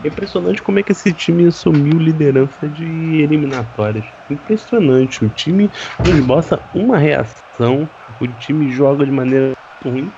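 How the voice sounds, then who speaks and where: A man analyses a football match on radio. His voice is slightly high, and he talks haltingly and bluntly, often repeating words. The sound is dull with faint noise. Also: creaky, mellow. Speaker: football pundit alongside the commentator.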